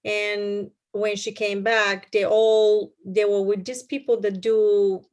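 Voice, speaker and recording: A middle-aged woman with a Bulgarian accent speaks as an interview guest in a flat, level tone that barely rises or falls. She tells her story haltingly, with many fillers and restarts. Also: mid-range voice.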